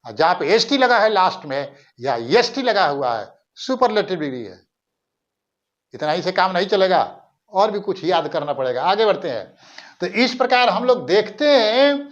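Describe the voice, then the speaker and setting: Slow, high-voiced grammar teacher. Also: male voice, lo-fi sound. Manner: slow, repeats words to drill them. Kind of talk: grammar lesson with whiteboard explanation.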